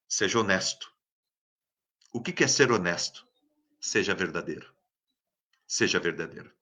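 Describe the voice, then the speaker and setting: A man with a Brazilian Portuguese accent preaching a devotional sermon, repeating his key phrases and swinging from loud emphasis to hushed words. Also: on the low side, highs cut off.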